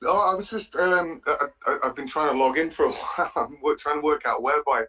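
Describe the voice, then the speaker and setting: A man from the Netherlands calling in, speaking haltingly, with many pauses and restarts. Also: on the high side, sharp tone, breathy edge. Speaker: caller. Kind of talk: casual call-in chat. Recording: dull lo-fi call audio.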